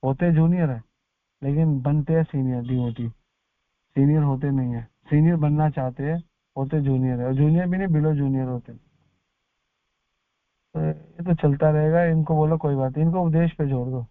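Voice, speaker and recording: A man's voice: fairly high pitch, steady tone, normal speed, no room sound. Man counseling over a tinny line. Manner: advising, repeats points for emphasis. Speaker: spiritual counselor. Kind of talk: answering a devotee's question. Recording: tinny dry phone line.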